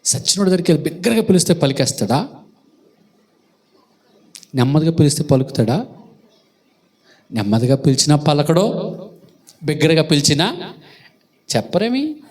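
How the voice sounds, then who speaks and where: A male pastor preaching a sermon, asking the congregation questions and acting out loud calls. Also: high voice, sing-song, moderate pace, long pauses. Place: church hall.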